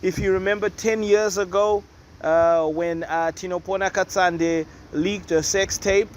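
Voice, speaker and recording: A man's voice: high-pitched, steady tone, measured pace. A man hosting a casual commentary show, chatty and opinionated with rambling asides. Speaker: host. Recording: noisy with loud music nearby. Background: neighbours' music and noise.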